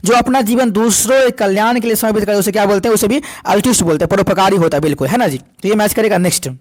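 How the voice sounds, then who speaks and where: A male teacher runs an exam-prep vocabulary lesson. He reads definitions slowly and then drills each answer again and again in call-and-response fashion. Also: high voice. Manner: repetitive call-and-response questioning, slow over English definitions.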